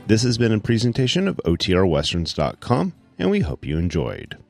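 A man's voice: fairly low pitch, wildly swooping pitch, a little fast, vocal fry, a little mellow, faint music behind. A man reading a scripted podcast outro as its presenter.

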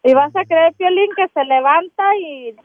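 A woman's voice: very high voice, normal speed, dry recording. A woman calling a radio show to prank her husband, chatty and complaining. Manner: chatty, complaining, mock-apologetic. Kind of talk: phone call to a radio show. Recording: tinny phone line with faint hiss.

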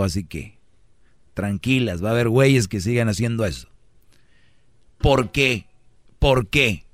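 Dry-voiced Mexican radio host. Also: male voice, mid-range voice, no room sound. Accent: Mexican Spanish. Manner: joking, preachy, full of rhetorical questions. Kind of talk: comic advice monologue.

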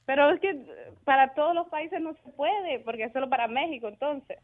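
A woman's voice: high voice, brisk, narrow, tinny audio. A woman calling a radio show to tell a joke, cheerful and giggly. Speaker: caller telling jokes. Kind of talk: casual phone-in chat.

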